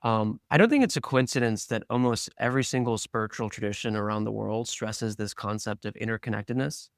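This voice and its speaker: A man co-hosting a podcast, speaking in a measured, thoughtful and articulate way. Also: on the low side, no echo, clean studio sound. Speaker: podcast co-host. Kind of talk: casual podcast conversation.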